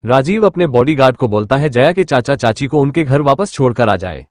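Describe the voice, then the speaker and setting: Man, audio story narration, expressive, animated pitch, dry recording. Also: a little fast, dry recording.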